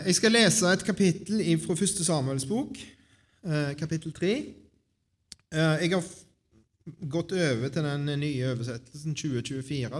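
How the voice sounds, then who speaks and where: A man reading a Bible chapter aloud to a congregation, with friendly, informal asides between the passages. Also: fairly high pitch. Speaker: Bible reader at a church gathering.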